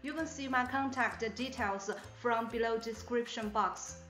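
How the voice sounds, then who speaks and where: Fairly high-pitched and a bit bright, a woman's voice moves unhurriedly over faint background music. She is in her thirties, comes from China, and, as channel host and mold company representative, gives a scripted factory walkthrough narration in careful, slightly non-native English with a Chinese accent. She is recorded indoors against a plain bright backdrop by a front-facing camera in medium close framing.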